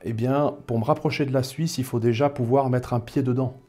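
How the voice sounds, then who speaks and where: A little fast and steady in tone, his mid-range voice has a dark quality. He is a man in his thirties from the French suburbs of Paris, giving a casual, thoughtful interview marked by frequent hesitations and fillers.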